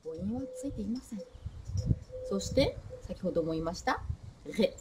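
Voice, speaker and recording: A woman giving a short French pronunciation lesson, modelling sounds slowly and repeating them with lively emphasis. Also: mid-range voice, background noise. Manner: lively, drawn-out pronunciation demos. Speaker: French teacher.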